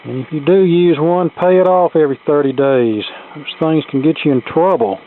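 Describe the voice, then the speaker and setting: With a fairly high-pitched voice at normal speed, a man narrates a radio repair from his workbench in a folksy, plainspoken, casual way. The lo-fi, phone-like recording carries a little hiss or hum, and a tube AM radio plays music in the background.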